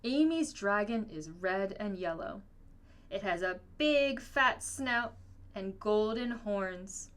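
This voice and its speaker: A woman reading a children's picture book aloud in an expressive, storytelling manner. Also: medium pitch, slow pace. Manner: expressive, acts out dialogue. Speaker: storybook reader.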